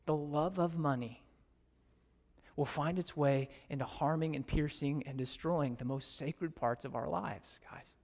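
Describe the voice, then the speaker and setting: Animated American pastor in a reverberant hall. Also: male voice, a little slow, gravelly. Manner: animated storytelling, pitch leaping high in anecdotes. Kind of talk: sermon. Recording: long reverb of a large hall.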